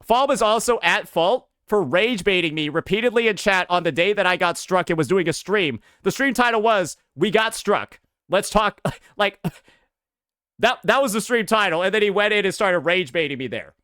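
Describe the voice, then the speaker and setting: A man livestreaming and chatting casually with his viewers, slangy and animated, swearing often and saying "bro" a lot. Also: high-pitched, moderate pace, clear, resonant tone, no room sound, clean studio sound. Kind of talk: casual stream commentary.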